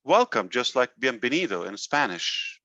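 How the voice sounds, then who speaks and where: A man's voice: mid-range voice, sing-song, moderate pace, sharp tone, no echo. A man chatting casually as a talk show guest, with short informal questions and interjections. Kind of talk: casual chat. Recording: dull, lo-fi online call audio.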